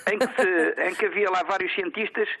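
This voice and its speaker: A man with a European Portuguese accent calling in to a TV talk show. He talks in a halting way, with many fillers and restarts, over a muffled, garbled phone line that makes him sound like he is talking underwater. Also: high-pitched, steady tone, vocal fry, pushed and bright. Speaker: phone-in caller. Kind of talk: casual call-in comment on a TV talk show.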